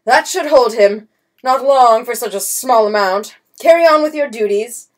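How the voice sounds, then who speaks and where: A woman's voice: on the high side, moderate pace, lightly acted. Woman doing a blustering pompous count. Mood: commanding. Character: blustering swindler count, grown man, bold. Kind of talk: audiobook character voice.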